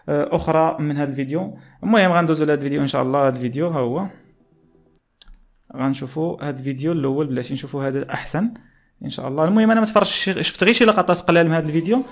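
Very fast-talking young Moroccan man. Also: a little high. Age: young adult. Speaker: YouTube channel host. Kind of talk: casual reaction commentary in Moroccan Arabic dialect. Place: small plain room indoors. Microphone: close desk microphone.

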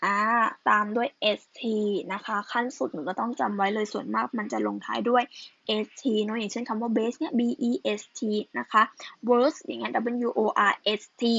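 A woman teaching English, patiently going over worksheet answers in an unhurried, casual way and spelling out words letter by letter. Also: fairly high pitch, little pitch movement, gravelly, no echo, highs cut off. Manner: patient, ends phrases with soft polite particles, spells out letters. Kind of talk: slow casual lesson explaining answers.

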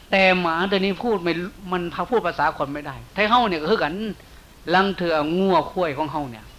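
A monk preaching a sermon with an Isan Thai accent, telling a folk story in folksy speech and softening his voice for quoted lines. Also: a little high. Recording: faint hiss.

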